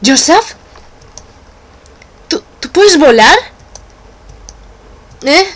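A woman reading a game's dialogue aloud, voicing each character in turn with playful shifts in pitch. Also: animated, very slow. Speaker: let's play narrator voicing game characters. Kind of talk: dubbing game dialogue aloud.

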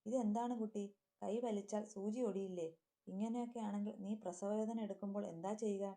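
A woman's voice: mid-range voice, fairly even intonation, warm tone, natural voice. A woman voicing a strict female hospital nurse who scolds a frightened patient. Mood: scolding. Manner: scolding, brisk.

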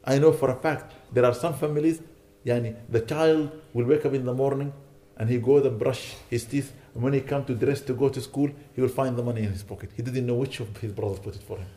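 A man's voice: mid-range voice, fairly even intonation, fairly quick, hardly any pauses, mellow. A man delivering a sermon as a sheikh, urging his listeners with repeated rhetorical questions. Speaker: sheikh giving a lecture. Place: lecture hall.

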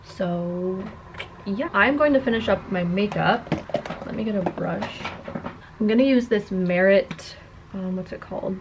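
A young woman chats casually to camera with a slight lisp, her s turning slushy. Her pitch sits in an ordinary middle range, and some noise hangs behind the voice. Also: a little mellow, lo-fi sound. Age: 20s. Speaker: content creator. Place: carpeted attic-style room indoors.

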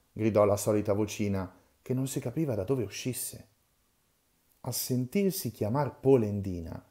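A man's voice: mid-range voice, mellow. A man reading the first chapter of a classic children's novel aloud, in a storyteller's manner. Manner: storyteller's reading, dramatic in the quarrels. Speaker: reader.

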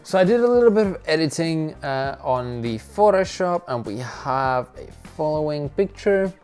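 A young adult vlogger, a native Russian speaker with a Russian accent, narrates his own vlog in a casual, upbeat and self-mocking way. His fairly high voice is a little mellow and smooth, with lively intonation and a moderate pace. A clip-on lapel mic records him in a small bedroom, with soft background music.

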